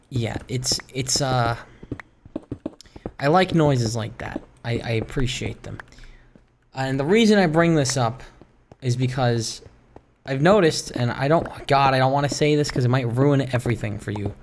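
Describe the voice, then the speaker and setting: Speaking at a medium pitch, this streamer rambles wryly and hesitantly while playing, often cutting himself off mid-thought. He's a gaming video creator talking casually into a streaming mic at home, and background noise is plainly audible.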